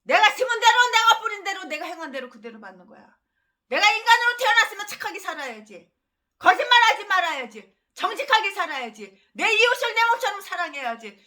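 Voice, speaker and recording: A woman pastor delivering a fiery, ranting sermon that swings between loud bursts and low, trailing drops. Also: big pitch swings, a little fast.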